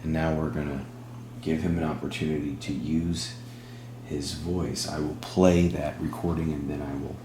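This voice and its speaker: A man hosting a spirit box session, speaking in halting short phrases and putting questions to a spirit. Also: rumbling low, little pitch movement, warm tone. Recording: roomy echo with humming background noise.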